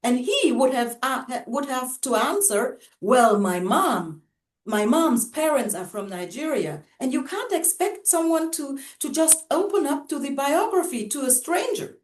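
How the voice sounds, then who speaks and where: High-voiced German woman, echoey room. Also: expressive. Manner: thoughtful, measured, with frequent um and mm-hmm. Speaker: co-host. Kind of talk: casual conversation.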